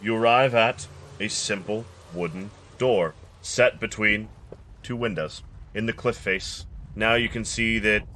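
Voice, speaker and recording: A man runs a tabletop game with ornate, dramatic narration. His voice is fairly low yet bright and forceful, and he tells the scene deliberately, over faint ambient noise. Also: steady tone. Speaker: game master.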